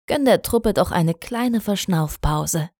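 A woman's voice: lowish voice, lively intonation, takes it slowly, dark tone, dry recording, clean studio sound, exaggerated voice. A woman reading a German storybook, voicing a playful pony princess who teases her husband affectionately. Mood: teasing. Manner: teasing, affectionate.

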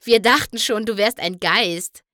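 A woman's voice: mid-range voice, unhurried, pushed and bright, dry recording, studio quality. Woman doing a jumpy young dragon boy. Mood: relieved. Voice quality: relieved, blunt.

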